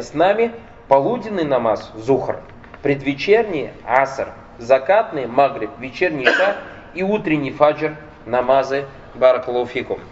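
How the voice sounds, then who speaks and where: A man's voice: mid-range voice, darkish tone. A man giving a religious lecture, explaining point by point and asking his listeners rhetorical questions. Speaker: Islamic lecturer. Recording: dull lo-fi lecture recording with faint noise.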